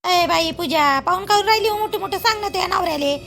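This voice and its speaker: Brief: woman as a fussing rustic mother-in-law, high scolding voice. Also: quick pace, vocal fry, a bit bright, soft background music, heavily acted. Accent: Vidarbha Marathi. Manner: scolding, pleading. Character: scolding village mother-in-law, middle-aged.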